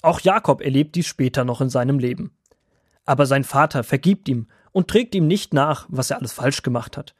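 A man's voice: medium pitch, moderate pace, breathy edge, dry recording, studio quality, natural voice. A man voicing an old grandfather woodworm who patiently explains things to his grandchildren in a children's audio drama. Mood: gentle.

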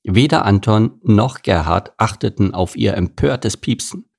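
A man's voice: lowish voice, unhurried, gravelly, darkish tone, slightly rough. A man reading a children's animal story aloud as its narrator.

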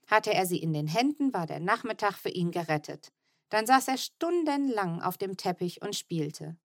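A woman narrating a children's audiobook in an expressive, lively storytelling manner. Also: on the high side, no room sound, studio quality.

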